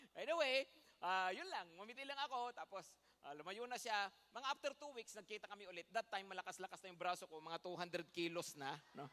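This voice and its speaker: A man's voice: sits high, sharp tone, long reverb tail. A man with a Filipino accent, a pastor preaching a sermon in a church, telling stories in a chatty way and checking in with the congregation. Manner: chatty storytelling with laughs and "no?" asides. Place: church sanctuary.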